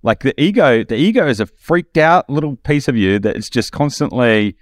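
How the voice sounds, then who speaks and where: A man's voice: mid-range voice, animated, moderate pace, no room sound. Male host, mid-range voice, casual reflective musing, dry studio sound. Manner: reflective, enthusiastic, rambling with restarts. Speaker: podcast host. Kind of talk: casual podcast conversation.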